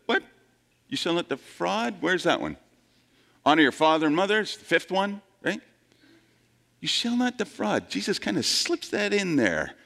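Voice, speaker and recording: A man preaching a sermon in a conversational way, quizzing the congregation and acting out quoted voices. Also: a bit bright. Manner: conversational, asks the congregation questions; plays out quoted voices with big shifts in pitch. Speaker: pastor.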